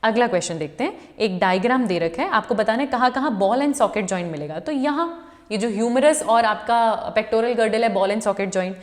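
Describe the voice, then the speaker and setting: High-voiced woman teacher in a reverberant hall. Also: lively intonation, moderate pace. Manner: walks through answers step by step, repeats each answer, calls students "beta". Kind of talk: exam-prep lecture.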